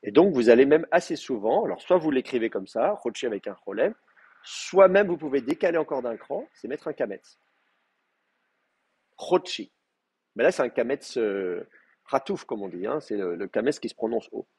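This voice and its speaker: Husky man teaching a class. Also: mid-range voice, lively intonation, brisk, a little mellow. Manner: explains patiently, many fillers, checks with students. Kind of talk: live class lecture.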